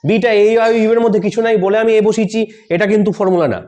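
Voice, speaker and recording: High-voiced man teaching grammar. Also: steady tone, racing, a little mellow. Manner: asks rhetorical questions and answers them himself; repeats key points, checks with "Am I clear? Yes or no?". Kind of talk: classroom-style grammar lesson.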